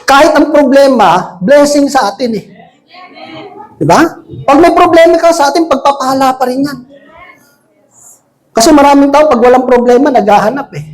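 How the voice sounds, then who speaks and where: A man preaching a casual sermon to a congregation, joking and often checking in with quick rhetorical questions. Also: extremely high pitch, low-quality recording. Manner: jokey, asks the congregation frequent rhetorical questions. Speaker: lay preacher. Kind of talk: conversational sermon. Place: church service with a congregation.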